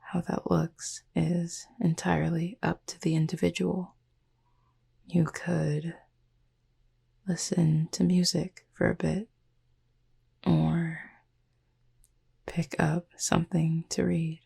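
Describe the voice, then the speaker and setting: A woman performs a full character voice as a calm, gentle Cupid roommate in an ASMR roleplay meant to aid sleep. Her lowish, breathy, creaky near-whisper stays soft and reassuring, and her wording is formal.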